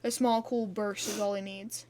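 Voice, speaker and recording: A woman's voice: mid-range voice, flat delivery, moderate pace, darkish tone. A woman co-hosting a podcast, reading fan fiction aloud in a casual way, breaking in with asides. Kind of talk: casual read-aloud narration.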